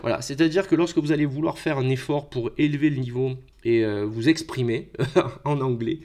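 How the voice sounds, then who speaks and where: A man's voice: medium pitch, a little fast, a little mellow, a little hiss or hum. A middle-aged French man hosting an improvised solo podcast, thinking aloud with many fillers and repeated words. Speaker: podcast host.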